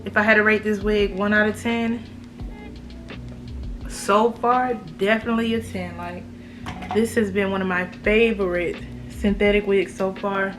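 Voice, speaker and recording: A woman's voice: medium pitch, little pitch movement, a little slow, over music. An American woman with a slight lisp from braces, giving a casual, slangy, emphatic review to camera as a beauty vlogger.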